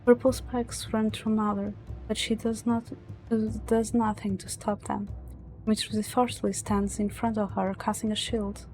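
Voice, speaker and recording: A woman's voice: mid-range voice, flat delivery, moderate pace, darkish tone, soft background music, poor audio. A woman streamer reading story narration aloud from a visual novel, dramatic but stumbling over words now and then.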